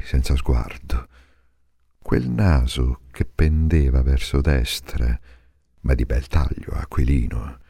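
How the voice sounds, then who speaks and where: A man giving a dramatic literary reading in a slow, measured, intense way, sometimes sinking to a hush. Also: rumbling low, gravelly, husky, dry recording, clean studio sound. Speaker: reader.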